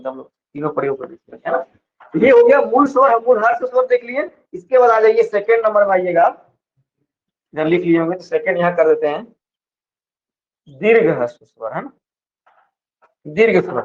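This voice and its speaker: High-voiced teacher drilling students. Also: male voice. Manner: keeps asking "है ना?" to check students follow; explains slowly, stretching example words. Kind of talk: classroom lecture. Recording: dull lo-fi sound.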